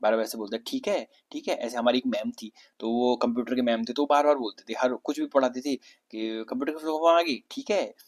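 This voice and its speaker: A man's voice: medium pitch, fairly even intonation, fast talker. Explaining male vocabulary teacher from Uttarakhand. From Uttarakhand, India. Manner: explanatory, repeats words and asks rhetorical questions. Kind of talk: exam vocabulary lesson.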